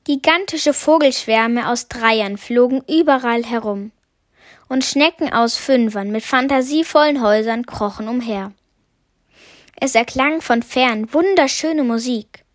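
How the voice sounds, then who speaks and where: A woman reading a children's story aloud in expressive first-person narration. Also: a little high, no echo, studio quality.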